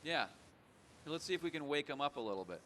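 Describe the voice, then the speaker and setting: A man's voice: on the high side, lively intonation, fast, fairly bright tone, slight background noise. A man hosting a casual call-in show, teasing his callers with dry, bemused remarks. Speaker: host.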